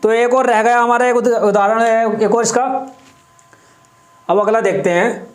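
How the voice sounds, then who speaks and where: A man's voice: very high-pitched, steady tone, measured pace, echoey room. A man teaching a grammar lesson. He explains step by step, repeats terms and examples, and often checks in with his listeners.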